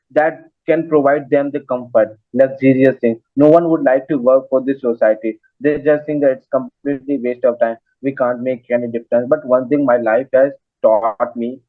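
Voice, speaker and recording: A man's voice: medium pitch, no room sound. Earnest male host on a tinny call line. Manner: earnest, halting, with restarts. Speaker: interviewer, host. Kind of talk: casual interview talk. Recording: dry phone-like line.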